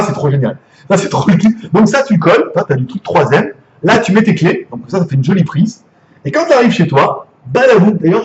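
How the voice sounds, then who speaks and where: Excitable French man, lively high voice, casual live unboxing, slightly muffled sound. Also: slight background noise. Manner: excitable, chatty, jokey, swears casually. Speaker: gadget reviewer.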